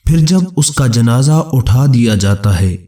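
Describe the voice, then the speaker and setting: Male narrator for a devotional piece: grave, steady delivery, warm low timbre, recorded slightly off-mic. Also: distant mic. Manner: solemn, measured preaching. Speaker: religious narrator. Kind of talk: scripted religious narration.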